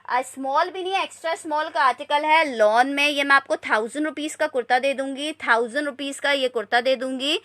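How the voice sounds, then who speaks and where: A woman's voice: high-pitched, fairly quick, hardly any pauses, a bit bright. A woman presenting a live online sale and chatting casually with viewers in repetitive selling patter. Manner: repetitive selling patter, repeating prices and sizes. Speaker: live online clothing seller.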